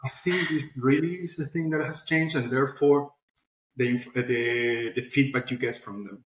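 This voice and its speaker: Here a publishing platform founder, appearing as an interview guest, gives conversational answers at a moderate pace. His voice sits in the mid-range, and the recording carries background noise along with echoey room sound.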